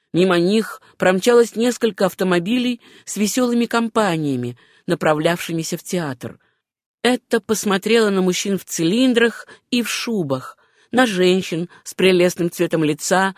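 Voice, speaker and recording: An audiobook narrator reading prose at a measured, unhurried pace. The voice sits in a middle pitch. The recording is close and dry. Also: no echo. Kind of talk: scripted narration.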